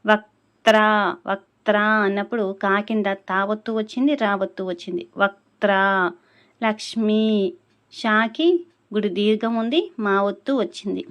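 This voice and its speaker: A woman teaching how to pronounce a devotional chant, explaining patiently and drawing out each syllable slowly when she demonstrates it. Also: medium pitch, steady tone. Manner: slow, carefully drawn-out syllables when demonstrating. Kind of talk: spoken lesson on pronouncing a chant.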